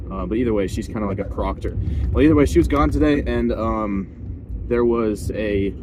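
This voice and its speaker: A man's voice: on the low side, noisy background. A teenage boy telling a rambling story from his school day in a casual vlog, full of fillers and restarts. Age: teens. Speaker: vlogger.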